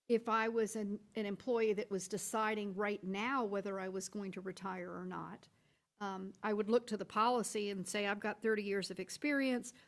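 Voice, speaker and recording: A woman school board member at a public workshop, laying out her point at length through step-by-step hypothetical examples with frequent restarts. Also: mid-range voice. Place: board meeting room.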